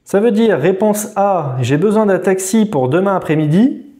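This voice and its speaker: A man runs a quiz lesson and talks informally straight to the viewer. His voice sits high. It has a soft, mellow tone. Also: lively intonation. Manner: informal, addresses the viewer directly; reads quiz answers slowly and distinctly. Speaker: driving exam tutor.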